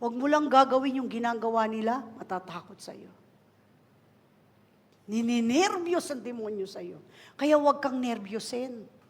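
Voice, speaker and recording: Filipino woman preacher, high voice, shouts commands then drops to asides, long hall reverb. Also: animated, moderate pace, long pauses. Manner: switches between quiet asides and loud shouted commands. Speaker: pastor. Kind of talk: animated Taglish sermon. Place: large church hall.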